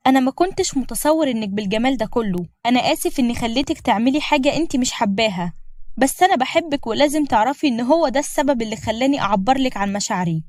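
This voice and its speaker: A woman's voice: high-pitched, darkish tone, dry recording, studio quality, close to an everyday voice. Woman voicing a scheming Egyptian young man. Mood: pleading. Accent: Egyptian Arabic. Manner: smooth pleading turning to sneering threats. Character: manipulative young man, sweet-talking then menacing.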